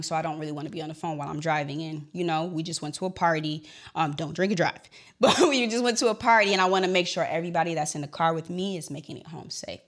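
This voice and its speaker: A young woman telling a personal story to the camera, emotional, her voice getting shaky and swinging between loud and hushed. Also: fairly low pitch.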